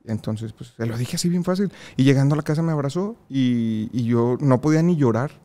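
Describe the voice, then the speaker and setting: A man's voice: medium pitch, a little fast. Chatty Mexican man telling a story. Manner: lively, laughs often while telling stories. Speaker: podcast guest. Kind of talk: casual interview storytelling.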